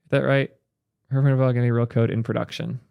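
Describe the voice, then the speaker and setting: A young man giving casual, opinionated commentary as a tech streamer, thinking aloud with quick asides. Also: mid-range voice, little pitch movement, vocal fry, smooth, dry recording, dull audio. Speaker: tech streamer reacting to clips.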